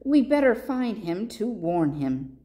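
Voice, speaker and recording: A woman voicing a caring female giraffe in a picture book who speaks with gentle worry. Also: medium pitch, sing-song, slow pace. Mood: concerned.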